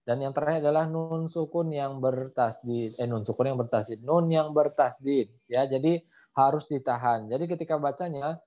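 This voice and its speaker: A man teaching Quran recitation in an online class. He is patient, repeats his points, ends phrases with "ya" and models the sounds before slowly chanting the verses. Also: mid-range voice, warm tone. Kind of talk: online tajwid lesson. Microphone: video call.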